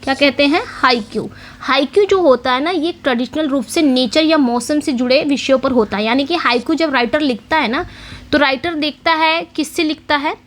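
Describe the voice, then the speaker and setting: High-voiced woman, literature lecture, quizzes students, repeats key points, reads English slowly. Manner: explains in Hindi mixing English terms, repeats key points with quiz questions. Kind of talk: exam-prep lecture.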